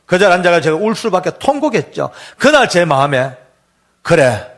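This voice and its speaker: An older man, a church elder, telling his testimony in an earnest and deeply emotional sermon. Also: sing-song, brisk, fairly bright tone.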